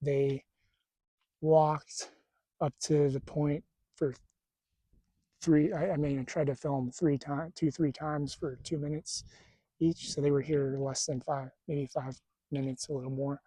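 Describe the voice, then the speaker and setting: A man talking casually to camera at a desert campsite, halting and stuttering, with a tight, strained throat. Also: on the high side, level tone, dark tone, breathy edge, dry recording. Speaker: spiritual vlogger.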